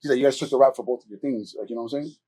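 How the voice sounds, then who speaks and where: A man hosting a podcast, telling a story in animated casual chat full of swearing and acted-out quotes. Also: medium pitch, racing, slightly rough. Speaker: podcast host.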